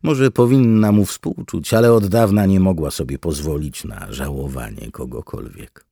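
A man giving expressive, scripted audiobook narration. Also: low-pitched, normal speed, gravelly, husky, no echo, clean studio sound. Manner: expressive storytelling with wide swings.

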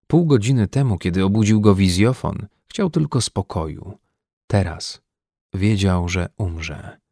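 Give me a deep-voiced man reading an audiobook in a steady, measured way. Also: vocal fry, no echo, studio quality. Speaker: audiobook narrator. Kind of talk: scripted narration.

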